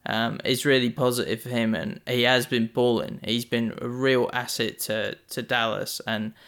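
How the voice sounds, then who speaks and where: A man's voice: medium pitch, flat delivery, normal speed, fairly bright tone. A man co-hosting a casual sports podcast, laid-back and joking, with the odd swear word. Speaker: podcast co-host.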